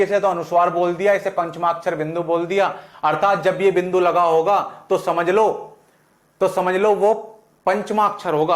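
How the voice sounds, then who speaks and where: A man with a western Uttar Pradesh accent teaches Hindi, asking questions and answering them himself. His voice sits high for a man. The sound echoes around a classroom. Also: a bit bright. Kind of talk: classroom lesson.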